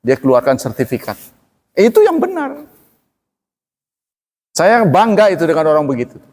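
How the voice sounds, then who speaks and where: A man giving a sermon as an Islamic preacher, lively and conversational, acting out short dialogues and laughing between points. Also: moderate pace. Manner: animated, acts out dialogues with raised pitch. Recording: long hall reverb.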